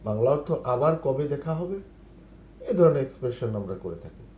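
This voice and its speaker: A middle-aged man with a Bangladeshi accent, teaching spoken English by reading phrases slowly and translating each one. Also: medium pitch, very animated, warm tone, lo-fi sound. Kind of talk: numbered spoken English lesson. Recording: echoey room with faint noise.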